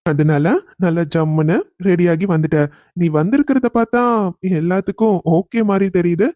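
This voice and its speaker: A man's voice: high-pitched, fairly even intonation, normal speed, warm tone, no echo, natural voice. A man voicing an angry, humiliated young husband in a cartoon story, bitterly accusing his new bride.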